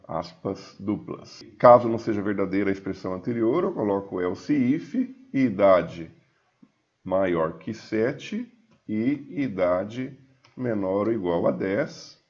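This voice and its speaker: A man walks through a programming lesson on screen. He reads each line of code aloud at a slow pace while he types it. His voice sits low, and the recording sounds dull and lo-fi. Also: darkish tone. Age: 50s. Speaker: programming instructor.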